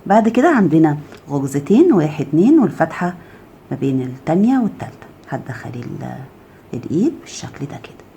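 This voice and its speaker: Egyptian woman, crochet tutor; low, warm, lively delivery, counts stitches, murmurs while working. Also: fast talker, slight background noise. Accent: Egyptian Arabic. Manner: counts stitches aloud, keeps asking "okay?"; drops to a soft murmur while handling the work. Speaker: crochet teacher. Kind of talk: step-by-step crafting tutorial.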